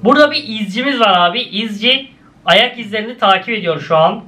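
Here a young man comments on cartoon clips, bursting into exclamations and laughter as his voice swings high and low. He's animated and a little fast, with a bright, forceful tone.

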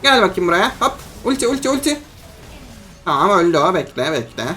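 A young adult mobile-game creator narrates a match in a chatty, friendly way, as if talking to friends. The voice sits at a medium pitch and jumps into excited yelps and shouts in tight moments. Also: a little fast. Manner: excitable, bursts into yelps and shouting in tense fights; chatty, addresses viewers as friends. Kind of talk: live gameplay commentary.

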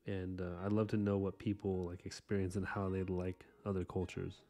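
A deep-voiced man who grew up speaking Korean paints at his home art desk as an artist streamer, chatting loosely with his live chat at a moderate pace. He's relaxed and rambling, full of fillers and asides.

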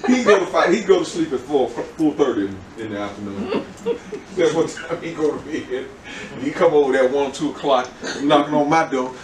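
Older pastor, loose conversational sermon, slightly high voice, echoey church picked up from a distance. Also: male voice, lively intonation, normal speed, a little hiss or hum. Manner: rambling, conversational preaching with repeated words and laughs. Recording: echoey room, from the mic.

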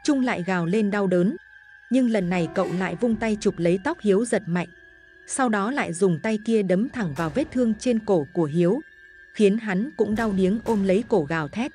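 A woman's voice: medium pitch, normal speed, warm tone, soft background music. A woman narrating a gory horror story in a dramatic, vivid way.

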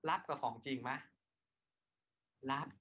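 A man's voice: unhurried, a bit bright. A man lecturing an engineering class. He asks his students rhetorical questions and then answers them himself. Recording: lo-fi lecture recording.

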